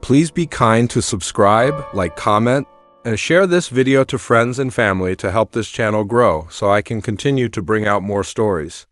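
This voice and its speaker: A man narrating a first-person horror story in a steady, plain recounting manner. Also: on the low side, moderate pace, dry recording, faint music behind.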